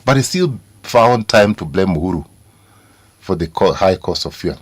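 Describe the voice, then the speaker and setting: A man with a Kenyan accent, a studio guest on a morning radio show, speaking deliberately and insistently with many fillers. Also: deep voice, animated, slightly rough, dry recording. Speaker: studio guest, party executive. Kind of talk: political talk show discussion.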